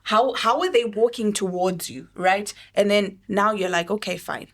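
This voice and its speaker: Animated Namibian woman explaining. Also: medium pitch, a little slow. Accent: Namibian English. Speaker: actor. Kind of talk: round table discussion.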